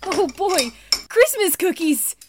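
An actress playing an excitable, innocent young girl in a period drama, eager and childlike. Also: extremely high pitch, takes it slowly, background noise, full character voice.

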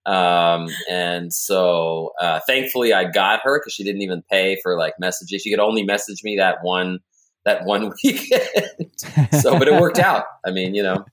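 A man's voice: sits low, normal speed, a bit bright. A man speaking as a podcast guest, rambling with many restarts.

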